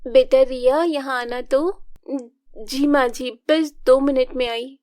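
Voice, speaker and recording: A woman's voice: sits high, steady tone, takes it slowly, darkish tone. A woman narrating a family drama story, expressively reading all the female parts. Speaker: narrator voicing all women. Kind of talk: storybook narration with character voices.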